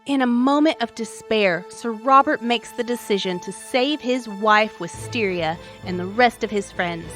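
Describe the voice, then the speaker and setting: A woman narrates a scripted tale as the show's host, her voice sitting a little high. She tells it wryly, with dramatic turns. Quiet music plays underneath. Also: measured pace, few pauses. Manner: wry, dramatic storytelling. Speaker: story podcast host.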